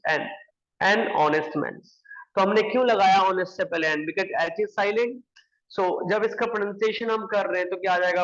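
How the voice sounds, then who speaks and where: A man's voice: high-pitched, fairly bright tone, lo-fi sound. A man teaching English grammar, explaining step by step and answering his own questions. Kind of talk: classroom explanation.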